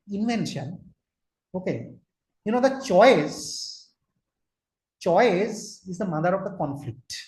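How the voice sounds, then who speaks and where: A man in his forties from Kolkata with an Indian English accent, giving an online lecture, asking listeners questions and slipping into Hindi. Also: high voice. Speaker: trainer, lecturer. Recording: roomy echo.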